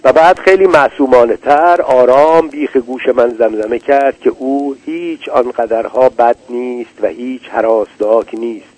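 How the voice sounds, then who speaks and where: A man reading a literary story aloud in a measured, deliberate way. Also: medium pitch, darkish tone, low-quality recording. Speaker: narrator. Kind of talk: literary audiobook narration.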